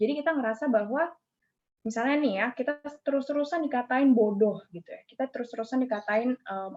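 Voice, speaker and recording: A woman psychologist talks through practical advice in a relaxed, conversational way, with a somewhat high voice. She often closes sentences with a casual tag word. The audio is dull and lo-fi. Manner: relaxed, informal, frequent "gitu" tag and "apa namanya" fillers. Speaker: psychologist guest. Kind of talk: casual explanatory advice talk.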